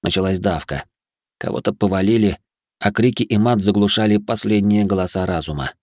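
A man's voice: fairly low pitch, a little fast, a little mellow, no echo. A man narrating a first-person audiobook with a tense, urgent delivery, close to the mic.

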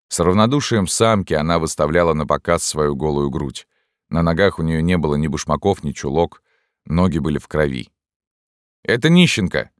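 Deep-voiced man narrating a story. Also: no echo, studio quality. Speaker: audiobook reader. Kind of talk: scripted narration.

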